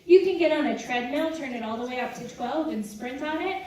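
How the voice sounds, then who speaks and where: A woman's voice: high voice, lively intonation, a little fast, warm tone. A woman presenting a live health seminar, cheering volunteers on and counting down exercises with lots of energy. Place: large room with audience. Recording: echoey hall, far-off mic, music and crowd.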